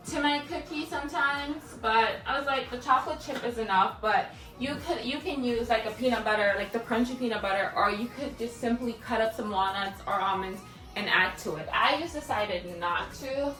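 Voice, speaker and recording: This Jamaican woman chats casually as a cooking vlogger, peppering her talk with "like" and "guys." Her voice is a little high, bright, and forceful. The echoey room and distant mic pick her up with music running underneath.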